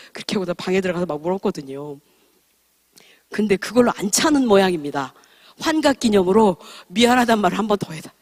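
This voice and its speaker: A woman in her fifties preaching at a church service, telling her personal testimony in an earnest, frank and self-deprecating way. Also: mid-range voice. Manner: earnest, heartfelt storytelling.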